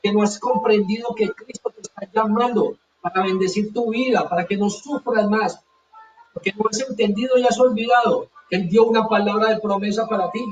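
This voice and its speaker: A man's voice: high voice, moderate pace, recorded from a distance, background noise. A man preaching a sermon with fervor, hammering his points by repeating them. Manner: fervent, repeats phrases for emphasis. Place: church hall. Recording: dull echoey church sound from afar.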